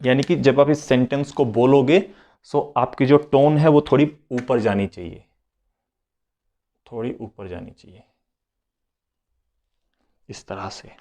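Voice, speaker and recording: A man's voice: medium pitch, slow, pauses often, dark tone. A man teaching a beginners' language lesson, switching between Hindi and English and repeating each point. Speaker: French teacher. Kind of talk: slow explanatory lesson.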